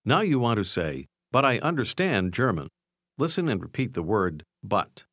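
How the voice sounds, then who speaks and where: A man narrating a language course, giving clear scripted prompts to listen and repeat. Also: fairly low pitch, big pitch swings, moderate pace, fairly bright tone, no room sound, clean studio sound. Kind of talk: scripted instruction.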